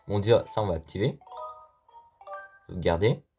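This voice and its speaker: A man's voice: deep voice, moderate pace, dark tone. A man giving casual, joking gameplay commentary as a let's play host, talking to the game and viewers, with faint game music behind.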